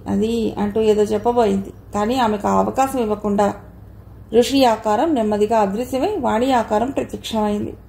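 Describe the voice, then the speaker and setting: Gravelly woman narrating a horror novel. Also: fairly high pitch. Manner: even storytelling read. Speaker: audiobook narrator. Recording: echoey room.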